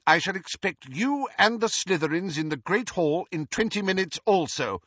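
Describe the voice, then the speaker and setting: A man's voice: sits high, lively intonation, normal speed, fairly bright tone, breathy edge, no echo, lo-fi sound, voice pushed up, exaggerated voice. A man voicing a stern elderly woman teacher in an audiobook, clipped and authoritative.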